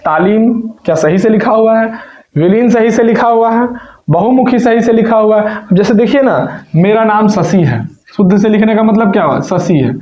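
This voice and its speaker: Male tutor, high voice, warm with pupils, self-quizzing, dull echoey room sound. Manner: asks and answers his own questions; addresses students affectionately. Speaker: teacher. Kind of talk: exam paper walkthrough lesson. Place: filmed room with a camera operator.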